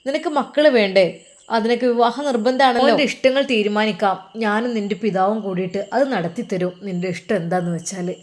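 An older foster mother, kindly but insistent, pressing a grown son to say what he wants, as a woman storyteller plays her. Her voice sits a touch higher and louder than the narration, with a pleading, questioning lift. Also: brisk, close to an everyday voice. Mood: coaxing.

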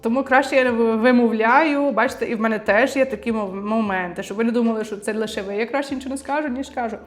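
A woman's voice: a little high, fast. A woman giving a chatty, playful online language lesson as the teacher, encouraging her students to repeat words aloud.

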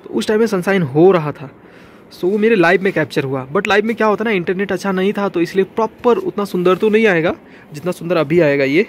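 A man vlogging from a hotel balcony in the snowy mountains, excited and chatty, slipping English phrases into his talk and coughing now and then. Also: high-pitched, quick pace, slight background noise. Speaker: travel vlogger. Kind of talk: casual vlog narration.

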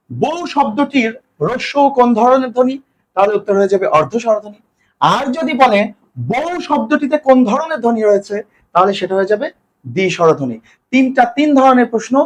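A man teaching an exam-prep grammar lesson, explaining step by step, asking questions and answering them himself, and drawing out example words slowly. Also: very high-pitched.

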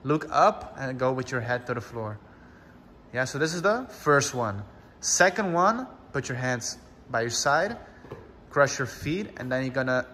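Bright-voiced, unhurried male workout instructor. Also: medium pitch, long reverb tail, slight background noise. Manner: encouraging, short commanding cues. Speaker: fitness class instructor. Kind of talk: instructing a home workout class with cues and countdowns.

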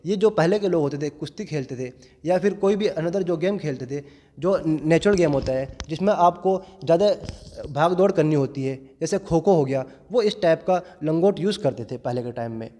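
A man's voice: fairly high pitch, normal speed, mellow. A young man in his twenties, a gym owner, earnestly explaining fitness to camera in a large indoor gym through a lapel mic. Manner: earnest, explanatory, addresses viewers as friends. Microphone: clip-on lapel mic held in hand. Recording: long reverb of a gym hall.

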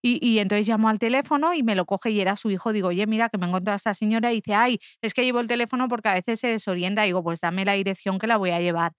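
A young woman, telling an animated story as a guest on a podcast and laughing often. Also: medium pitch, fast talker, few pauses, clear, resonant tone, dry recording, clean studio sound. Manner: animated, laughing, quotes people in voices, says "tía" a lot. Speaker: guest contributor. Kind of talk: casual podcast chat, storytelling.

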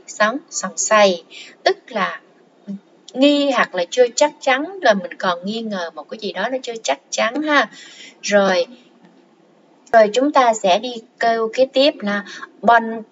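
A woman teaching a language lesson, explaining song lyrics word by word in a patient way and repeating each word slowly. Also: fairly high pitch, muffled recording, a little hiss or hum. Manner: patient, repeats words slowly, many fillers.

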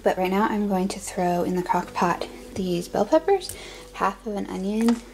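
A young woman explaining a home cooking recipe step by step in a relaxed, casual voice-over from her kitchen. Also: mid-range voice, normal speed, a little hiss or hum, poor audio. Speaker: cooking vlogger.

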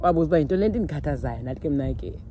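A woman in her thirties with a Xhosa South African accent, softly telling her story in a casual chat, mixing Xhosa and English. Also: deep voice, lively intonation, racing, slight background noise. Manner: soft-spoken, mixes Xhosa and English. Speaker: guest sharing her story.

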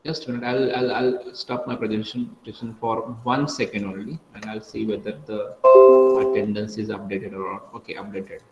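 A man's voice: on the low side, level tone, normal speed, loud music behind the voice. Male lecturer in an online class heard through a screen recording, methodical and self-correcting, muffled roomy sound. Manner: methodical, repeats and corrects himself. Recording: dull, echoey screen-recorded call audio.

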